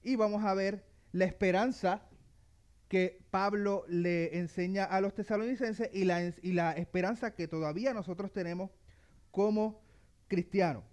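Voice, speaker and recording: A man preaching a sermon to his congregation, talking in a halting way with many fillers and restarts. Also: sits high, fairly even intonation, darkish tone.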